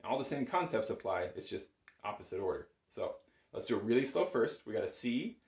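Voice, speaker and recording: Speaking fairly quickly in a low voice with big pitch swings, a bagpipe chanter instructor gives an informal, step-by-step lesson. He stays patient and encouraging in his small indoor home music room, where the sound echoes roomily.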